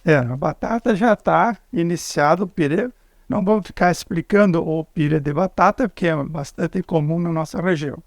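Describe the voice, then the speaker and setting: A man with a southern Brazilian accent, explaining a recipe step by step as a cook in a cooking demonstration, with halting restarts. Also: fairly high pitch, no echo, studio quality. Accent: southern Brazilian Portuguese.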